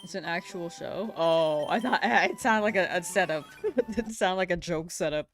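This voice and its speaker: A young woman streams a game, hunting in it while chatting with viewers in a lowish voice at normal speed. She's laid-back and giggly as she reads their messages, with soft music in the background.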